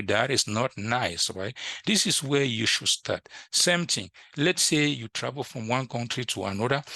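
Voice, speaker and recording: A bright-voiced man of medium pitch teaches in an informal screen-share tutorial, with no room sound. He's an IT instructor whose first language is French, originally from a French-speaking country and now living in the US, and he tends to repeat himself and check in with "right?"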